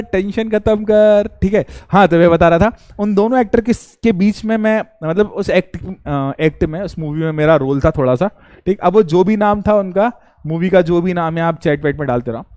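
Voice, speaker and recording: High-voiced, teasing male teacher. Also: a little mellow, dry recording, studio quality. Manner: chatty and teasing, sings lines, asks questions and answers them himself. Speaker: online science teacher. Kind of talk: live class lecture, joking with students.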